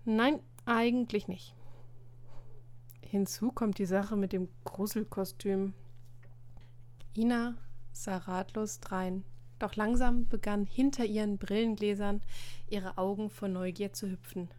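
A woman reading a story aloud as narrator, telling it in a lively way. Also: medium pitch, measured pace. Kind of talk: audiobook reading.

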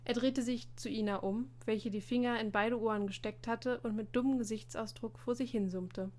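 A woman's voice: fairly high pitch, steady tone, moderate pace, darkish tone. Woman reading a story aloud.

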